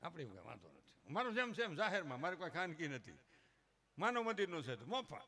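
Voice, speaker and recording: A man's voice: a little high, sing-song, fast talker, sharp tone. A middle-aged man with a Kathiawadi Gujarati accent, giving a humorous folk talk at a religious gathering, rustic and joking, mimicking villagers before turning earnest.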